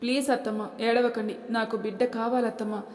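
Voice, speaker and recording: A woman's voice: a little high, flat delivery, brisk, a little mellow, natural voice. A woman reading the lines of a grieving young wife who pleads through tears, in an echoey room. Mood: tearful. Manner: pleading, tearful. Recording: echoey room with long reverb.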